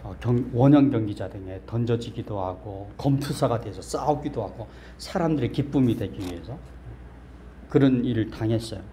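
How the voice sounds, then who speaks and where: A man's voice: medium pitch, moderate pace, mellow, slight background noise. A male pastor preaching a sermon in a small church, quizzing the congregation and joking with them, then building to emphatic, insistent peaks. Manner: asks the congregation questions and jokes with them.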